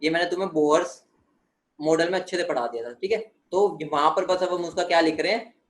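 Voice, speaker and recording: A chemistry teacher with a high voice lectures fast in an echoey classroom. He keeps checking in with "theek hai" and answers his own questions as he takes the class through the material.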